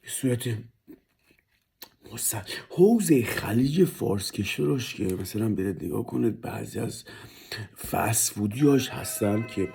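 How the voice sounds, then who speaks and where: A man's voice: on the low side, lively intonation, vocal fry, a little mellow, a little hiss or hum. A man vlogging about his food in a casual, hyped-up way, talking straight to the viewers and sometimes dropping to a whisper. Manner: hyped and playful, drops to whispers over the food.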